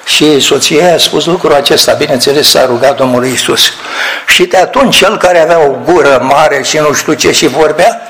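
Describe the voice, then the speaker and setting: An older man preaching a sermon, telling anecdotes and acting out the people in them. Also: a little high. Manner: storytelling, quoting others in lively voices.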